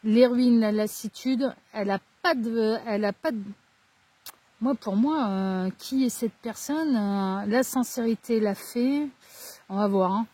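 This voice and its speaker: A woman's voice: fairly high pitch, measured pace, mellow, breathy edge, no echo. A woman reading tarot cards in French, who talks casually and rambles into asides with many fillers. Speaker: tarot card reader. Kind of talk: casual card-reading monologue.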